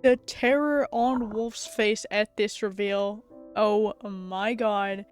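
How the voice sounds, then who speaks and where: A woman narrating a video essay as excited reaction commentary, gushing and exclaiming, with bursts of loud excitement. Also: fairly high pitch, clear, resonant tone.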